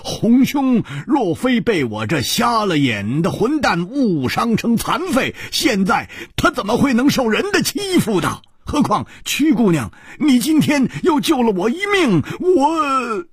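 A man voicing a hot-headed young male swordsman who shouts and blames himself, in a storytelling performance. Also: very high voice, sing-song, unhurried, few pauses, husky, no room sound, clean studio sound, pitched above the performer's own voice, exaggerated voice. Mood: self-reproaching. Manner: shouting, self-reproaching outbursts.

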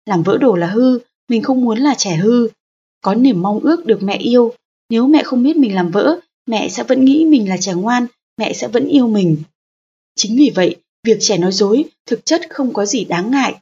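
Husky-voiced woman reading an audiobook. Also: mid-range voice, darkish tone, lo-fi sound. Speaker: audiobook narrator. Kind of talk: scripted audiobook narration of a parenting book.

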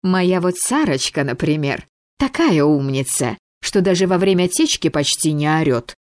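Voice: mid-range voice, expressive, normal speed, no echo, natural voice. A doting lady coos and gushes in a raised, sing-song voice over her beloved cat, as a woman reading the book puts her on. The sound is close and dry, with no room around it. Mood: cooing. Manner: cooing, gushing. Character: doting middle-aged lady cat owner.

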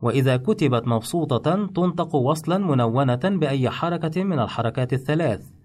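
A man teaching in measured, step-by-step instructional narration. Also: fairly high pitch, lively intonation, darkish tone. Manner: measured, explains rules step by step.

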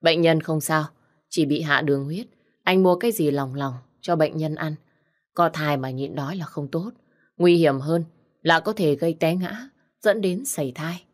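A woman voicing a calm, matter-of-fact doctor explaining a diagnosis, in a storybook reading. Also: low voice, moderate pace, lightly acted. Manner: plain, explaining.

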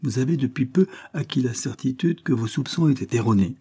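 A man reading aloud voices a calm, firm gentleman lawyer, steady and earnest. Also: medium pitch, brisk, husky, pitched above the performer's own voice.

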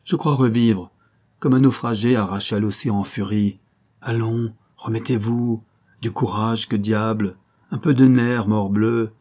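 An agitated middle-aged minister, put on by a male audiobook reader, pressing questions and bursting into exclamations. The voice sits low with a dark, husky grain. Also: fairly even intonation, measured pace. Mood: hearty. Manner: agitated, then hearty and exclaiming.

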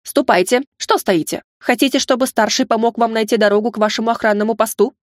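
A woman's voice: on the high side, steady tone, quick pace, no echo, studio quality, lightly acted. A woman voicing a fussy older male minister who scolds the guard and dotes on the servant. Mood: fussy scolding.

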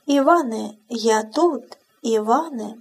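A woman's voice: a little high, slow pace, creaky, breathy edge, heavily acted. A woman voicing a bold village schoolteacher who calls out and gives firm orders in an audiobook. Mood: urgent. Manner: calling out, commanding.

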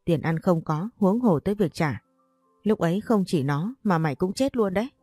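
A brash, talkative young woman teases her friend and scolds her bluntly, as a woman narrator voices her. The tone is low and warm, recorded close and dry, with faint music behind. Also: animated, normal speed, husky, dry recording. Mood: scolding.

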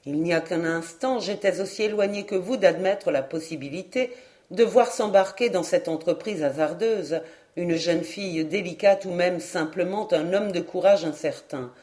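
A woman voicing a kindly middle-aged male doctor who speaks in a measured, reassuring, good-natured way in an audiobook. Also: lowish voice, mellow, pitched below the performer's own voice, close to an everyday voice.

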